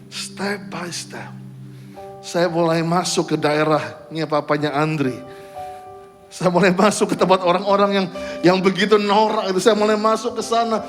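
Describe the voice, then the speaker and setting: A middle-aged man preaching as a pastor, telling a lively story, mixing in English phrases and shouting out quoted cheers. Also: sits high. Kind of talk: sermon storytelling. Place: church service.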